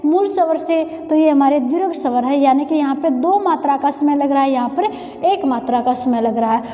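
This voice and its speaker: Haryanvi hindi teacher lady, high but mellow voice, says each term twice slow, long echo. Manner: addresses students as children, repeats key terms slowly. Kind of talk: exam-prep grammar lesson. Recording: echoey room with long reverb.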